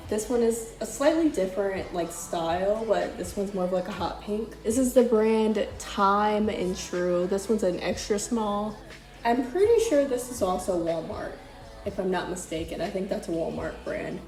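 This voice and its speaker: A woman's voice: mid-range voice, warm tone. A young woman chatting casually through a thrift haul, rambling with lots of fillers and restarts. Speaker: vlogger. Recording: echoey room with faint music. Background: faint music.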